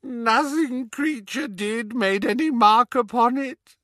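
A wailing, sobbing old house-elf. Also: male voice, extremely high pitch, slow, a bit bright, dry recording, clean studio sound, voice pushed up, heavily acted. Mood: sobbing, pleading. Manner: sobbing, stammering wail. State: crying. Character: elderly male house-elf, servile, grief-stricken. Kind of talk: audiobook character voice.

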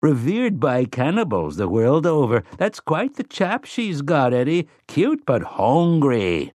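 A man voicing a gleeful, mocking man who drawls his taunts slowly. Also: fairly high pitch, huge pitch swings, a little mellow, no echo, clean studio sound, voice pushed up, exaggerated voice. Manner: sneering, drawn-out.

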